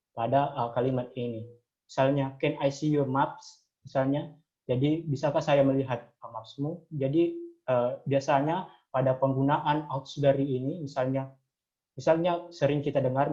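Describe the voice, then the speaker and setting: A man with an Indonesian accent explaining English grammar in a slide lesson, pausing often with fillers as he reads out example sentences. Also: medium pitch, a little mellow, dull audio. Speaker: English tutor.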